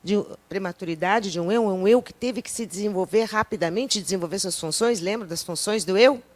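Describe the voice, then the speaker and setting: A woman's voice: medium pitch, a little fast, a little mellow. Woman panelist, associative and rambling delivery, mid-range voice. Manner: associative, rambling, many fillers and restarts. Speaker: psychoanalyst panelist. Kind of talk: academic panel talk. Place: lecture hall at a panel event.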